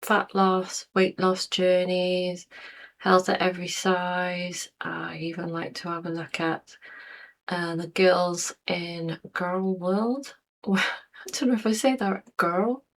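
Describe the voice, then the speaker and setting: A woman talks to her viewers in an easygoing, rambling vlog. Her voice sits a little low, and she takes her time, drifting through ums and asides at a slow, unhurried pace. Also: little pitch movement. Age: 40s. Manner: rambling, chatty, with frequent fillers and laughs. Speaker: YouTuber. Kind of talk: casual vlog chat.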